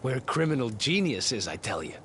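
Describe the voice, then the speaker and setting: A man's voice: mid-range voice, sing-song, moderate pace, crowd noise, close to an everyday voice. A man playing a cocky thief. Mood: boastful. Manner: boastful, conspiratorial storytelling. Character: cocky young male thief, boastful schemer. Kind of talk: video game voice acting.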